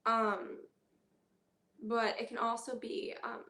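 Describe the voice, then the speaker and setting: Woman vlogger, slightly high pitch, candid and halting delivery, echoey room sound. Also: completely flat delivery, sharp tone. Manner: candid, halting, many fillers and pauses. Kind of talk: personal health vlog.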